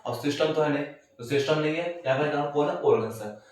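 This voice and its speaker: A man's voice: fairly high pitch, fast talker, a little mellow. A male teacher giving a recorded class lecture, repeating points and quizzing his listeners with questions. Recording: very echoey room, voice from a distance, faint noise.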